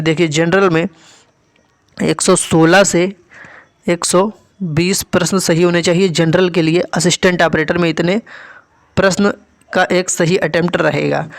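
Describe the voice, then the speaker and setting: A man with a slightly high voice, recorded without echo, works as an exam coach and channel host. He teaches students by explaining score figures in an instructional way, repeating the key points.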